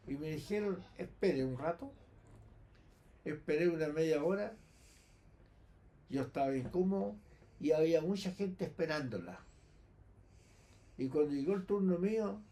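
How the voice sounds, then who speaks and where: A man's voice: on the high side, a little mellow. Chilean grandfather in his seventies, storytelling. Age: 70s. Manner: recounts memories, acting out the people he quotes. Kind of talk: casual storytelling.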